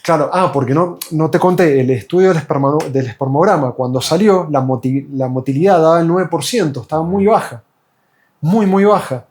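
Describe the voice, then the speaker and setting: Speaking a little fast in a darkish voice on the high side, a man from Argentina tells his story as a patient. His casual spoken testimony in Argentine Spanish is hesitant, with lots of fillers and false starts.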